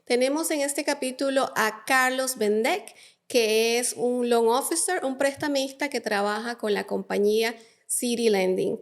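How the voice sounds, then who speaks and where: Chatty woman podcast host, higher voice. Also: unhurried. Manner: friendly, chatty interviewer. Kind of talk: casual interview.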